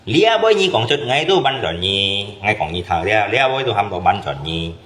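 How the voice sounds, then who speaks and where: A man's voice: fairly low pitch, very animated, brisk, a bit bright. A man from Indonesia chatting casually as a channel host, often asking back with short questions. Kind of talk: casual chat. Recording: roomy echo.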